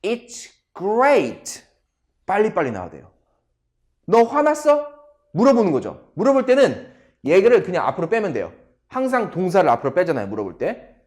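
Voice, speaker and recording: Male teacher, slightly high voice, very animated intonation, unhurried delivery. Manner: drills sentences slowly, addresses viewers directly. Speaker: English teacher. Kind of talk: English grammar lesson.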